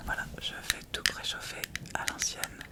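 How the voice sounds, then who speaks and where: In a soft, unvoiced whisper, this ASMR creator walks through a makeup tutorial. She speaks informally, taking her time and hesitating as she goes.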